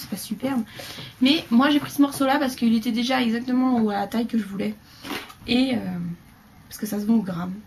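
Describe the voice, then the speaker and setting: A woman chatting casually through a beauty haul video, rambling with fillers and dropping into quiet asides. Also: fairly high pitch, slight background noise. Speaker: beauty vlogger.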